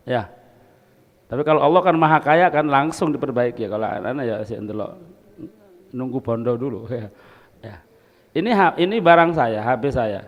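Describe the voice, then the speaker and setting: A man's voice: medium pitch, muffled recording. Man teaching in an echoing hall. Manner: folksy and conversational, asks the audience questions, mixes in Arabic phrases. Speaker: religious teacher. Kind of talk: Islamic study-circle sermon. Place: hall of a boarding school.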